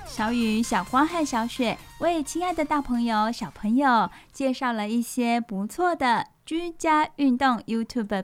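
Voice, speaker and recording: High-voiced Taiwanese woman telling bedtime stories. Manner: addresses young listeners directly with gentle sentence particles and questions. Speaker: children's storytelling show host. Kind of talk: bedtime storytelling for children.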